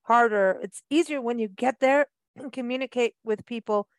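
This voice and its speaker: A woman's voice: on the high side, normal speed, no echo. A woman hosting a casual interview, chatty and encouraging, with a rambling way of putting questions. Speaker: host.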